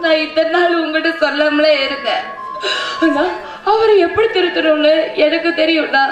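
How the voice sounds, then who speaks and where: A woman's voice: sits high, moderate pace, lightly acted. A woman playing a tearful devoted wife. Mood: pleading. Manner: pleading, tearful, fiery when threatened. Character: anguished devoted young wife, defiant. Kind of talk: stage drama acting. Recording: echoey stage recording with music and crowd.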